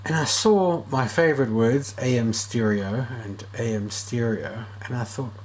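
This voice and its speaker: Unhurried and a little mellow, this man's mid-range voice carries a hands-on repair vlog. As a video host who repairs radios as a hobby, he talks casually, thinking aloud as he works, over clear background noise.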